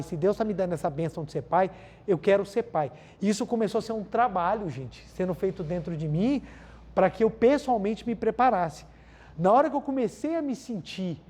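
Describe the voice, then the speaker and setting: Brazilian male spiritual lecturer, warm dark tone, talks to the crowd directly, restates his points. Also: high voice. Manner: keeps addressing the audience as "gente", repeats key phrases for emphasis. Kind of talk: spiritual talk with everyday anecdotes.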